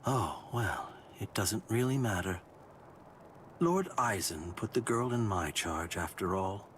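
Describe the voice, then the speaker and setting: An icy detached warrior in a game, lowish voice, slow and condescending. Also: male voice, slight background noise. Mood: cold. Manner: cold, flat, condescending. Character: cold, detached male warrior spirit. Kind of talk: game cutscene voice acting.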